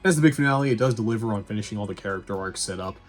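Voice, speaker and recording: Over background music, a man with a lowish voice delivers a rapid-fire movie review voice-over for a video essay. He's casual and opinionated, blunt and sweary, and tosses in wry asides.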